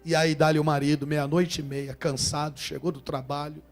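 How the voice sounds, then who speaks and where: A man preaching a sermon, trading calls and responses with the congregation and swinging from hushed tones to shouts. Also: fairly high pitch, level tone, moderate pace, faint music behind. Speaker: pastor.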